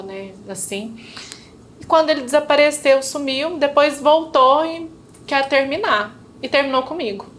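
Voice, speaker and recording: An interview guest with a Brazilian Portuguese accent tells her own story in casual chat, speaking in a fairly high, slightly bright voice over slight background noise. She acts out remembered conversations and uses frequent tag questions as she gives her personal testimony.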